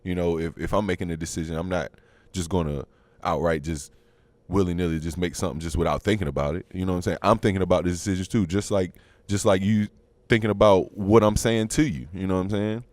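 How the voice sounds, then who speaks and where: A young man talking casually as a guest, halting and restarting with "I mean" and "like". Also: deep voice, fairly even intonation, a little mellow, no room sound. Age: young adult. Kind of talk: casual chat.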